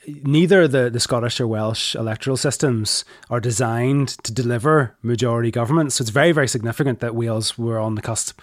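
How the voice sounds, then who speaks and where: A man's voice: mid-range voice, no room sound, studio quality. A man with a Belfast accent, hosting a conversational interview podcast and putting questions to guests. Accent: Northern Irish, Belfast. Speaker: podcast host.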